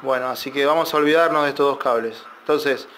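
A man's voice: medium pitch, fast, a bit bright, a little hiss or hum. A man, a repair technician talking through a circuit board in a loose, explanatory way with many fillers and restarts. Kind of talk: casual technical tutorial.

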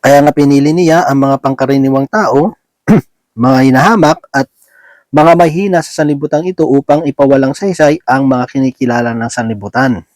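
A man's voice: medium pitch, normal speed, a little mellow, no echo. A man giving a conversational sermon, often asking his listeners tag questions, mixing English words into his Filipino, and chuckling between points. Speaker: lay preacher.

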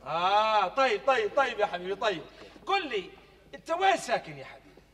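Brief: a gushing, sly older shopkeeper, high, bright and quick, reverberant stage. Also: male voice, big pitch swings. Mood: coaxing. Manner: effusive, overly hospitable, sly. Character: fussy, scheming older shopkeeper Abu Shehadeh. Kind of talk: televised stage comedy.

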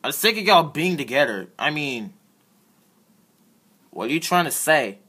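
A man with a husky voice play-acts cartoon-style characters in a halting, excitable way, stumbling and repeating words. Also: fairly high pitch. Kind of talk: improvised character play-acting for a fan video.

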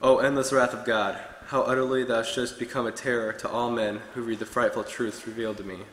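A young man reads earnestly from his notes, preaching a short sermon at the pulpit of a wood-paneled church hall. He speaks fairly quickly in a mid-range voice that is a bit bright but flat in delivery. The hall echoes with long reverb, and slight background noise is audible.

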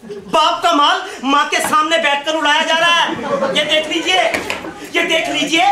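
A man's voice: extremely high pitch, flat delivery, measured pace. A man playing a miserly, scheming village father in a live stage play, scolding theatrically. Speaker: stage actor. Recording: echoey stage with loud noise.

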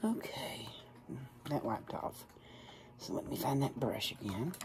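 A woman chatting casually through her makeup, soft-spoken and plain-spoken, often dropping into a whisper. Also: very deep voice, big pitch swings, a little slow, over music. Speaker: makeup vlogger. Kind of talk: casual makeup tutorial chat.

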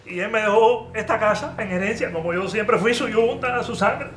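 A man playing a sly, coaxing schemer who talks in quick slang. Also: sits high, roomy sound, a crowd in the background, lightly acted. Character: sly Cuban man claiming an inherited house.

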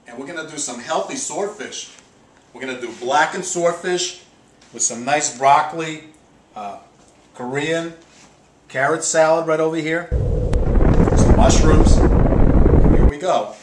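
Standing at his stove, a middle-aged man chats cheerfully through his casual home cooking show, speaking unhurriedly with frequent pauses in a voice on the high side. The indoor kitchen echoes, and loud sizzling adds heavy background noise.

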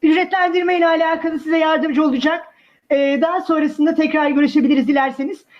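Woman acting out female sales agent, over the phone, high pitch, formal, hesitant, stubbornly polite, dull muffled audio. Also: steady tone, close to an everyday voice. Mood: polite, insistent. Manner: formal customer-service patter with hesitant pauses. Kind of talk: prank call role-play.

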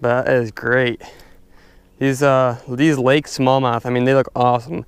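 A young man casually narrating his fishing from a stand-up paddleboard on a lake, chatty and excitable, talking to his viewers. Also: mid-range voice, unhurried, smooth, no room sound. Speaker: fishing vlogger. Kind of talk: casual outdoor commentary. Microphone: head-mounted action camera.

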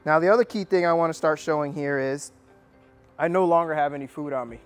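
A man teaches a hands-on dog training lesson in an indoor room, talking with a fairly high voice. He coaches with upbeat praise, and faint music plays behind him. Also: brisk.

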